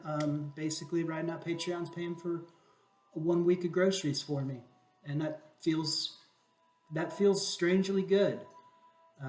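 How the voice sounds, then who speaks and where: A man's voice: a little high, echoey room. A man hosting his own video channel, talking casually and irreverently about a scripture passage, swearing and rambling. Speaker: YouTube video host.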